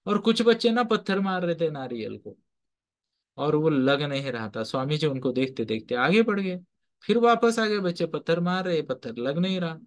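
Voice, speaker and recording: Male teacher-counsellor, slightly high voice, motivational storyteller who quizzes his class and code-switches between Hindi and English. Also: very animated, moderate pace. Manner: quizzes listeners with repeated questions; mixes Hindi with English phrases.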